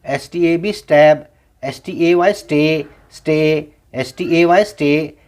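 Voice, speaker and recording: A man teaching English phonics in a slow classroom lesson, spelling each word out letter by letter and repeating it. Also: a little high, darkish tone. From India.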